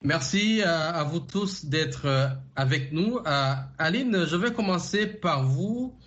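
A man hosting a radio interview program, asking formal, measured questions with frequent pauses. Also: on the high side, animated, a bit bright. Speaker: radio show host.

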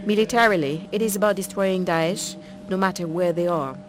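Woman, live interpreter voice, lowish pitch, firm measured delivery. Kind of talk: interpreting a leader's speech aloud in English.

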